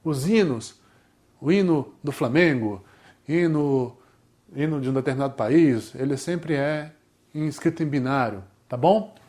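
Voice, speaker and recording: A man's voice: a little high, a little slow, darkish tone. A man with a Brazilian Portuguese accent teaching a music theory lesson, explaining step by step and often checking in with his students.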